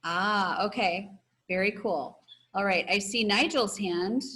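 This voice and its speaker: Over a video call, a woman teaches an online read-aloud class, guiding her pupils' discussion in an encouraging way. Her medium-pitched voice is slow, pushed, and bright.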